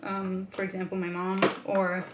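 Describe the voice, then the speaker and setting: A chatty young woman from Australia, answering viewer questions in a relaxed vlog at home. Her pitch sits mid-range, she leans on fillers as she thinks aloud, and her voice rings with a roomy echo. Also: moderate pace, slight background noise. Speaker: vlogger.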